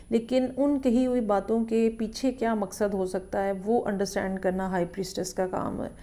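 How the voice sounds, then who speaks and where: A woman giving a weekly tarot horoscope reading in a measured, explanatory way, often checking in with the listener. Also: mid-range voice, mellow. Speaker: tarot reader.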